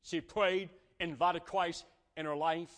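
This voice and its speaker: A man preaching a sermon, his voice sitting a little high for a man. He builds from quiet storytelling to loud, drawn-out emphasis on key phrases. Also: fairly even intonation. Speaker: pastor.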